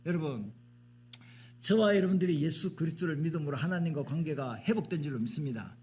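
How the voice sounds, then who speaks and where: A man's voice: a little high, brisk, darkish tone, slight background noise. A male pastor preaching a sermon in a church, emphatic and repetitive, often asking the congregation questions. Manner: emphatic, repeats words, asks the congregation questions. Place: church sanctuary.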